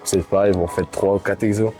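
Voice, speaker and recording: A deep, low-pitched man with a Swiss French accent talks through his back workout in a gym, stopping often on fillers. He sounds tired and a little flat. Loud music plays behind him throughout. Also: brisk. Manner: hesitant, many fillers, explaining casually. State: low on energy, tired late at night. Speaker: gym vlogger. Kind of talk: casual workout vlog talk.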